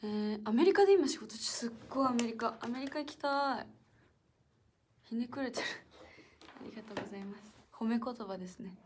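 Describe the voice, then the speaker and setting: A chatty young woman hosts a solo livestream from an indoor room with a piano, reading out viewer comments. Her voice sits a little high, and she often laughs or drops to a soft whisper. Faint background noise sits under her voice. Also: lively intonation, a little fast. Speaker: idol livestream host.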